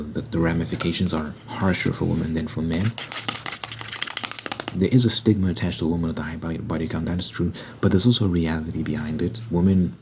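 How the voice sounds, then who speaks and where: Very low-voiced man in an emphatic monologue. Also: background noise. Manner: emphatic, repeats phrases for stress. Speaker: video host. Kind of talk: casual opinionated monologue.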